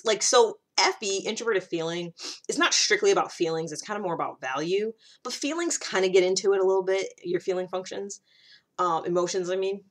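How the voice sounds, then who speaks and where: A personality typing vlogger with a fairly low female voice delivers a casual, explanatory monologue. She thinks out loud in a conversational way and stresses key words along the way.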